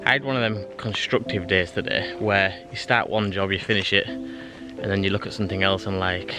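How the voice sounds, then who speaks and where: A British man in his thirties, a bushcraft vlogger, chats casually to a handheld camera at arm's length while outdoors in a forest. His low voice is steady and moderately paced, and he rambles with fillers and restarts as background music plays.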